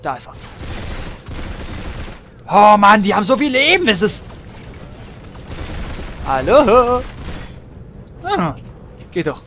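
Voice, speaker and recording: Brief: man, high voice, playful let's-play commentator, hums and chants through fights. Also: huge pitch swings, slow, pauses often, sharp tone, a little hiss or hum. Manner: chatty, hums and chants while shooting, frequent exclamations. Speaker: let's player. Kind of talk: gameplay commentary.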